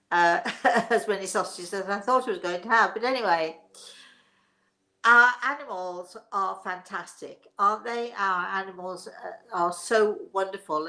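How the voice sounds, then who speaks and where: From her living room, a middle-aged English host with an English accent leads a live story session of casual chat and personal stories. Her medium-pitched voice is a bit bright, and she rambles and chuckles along.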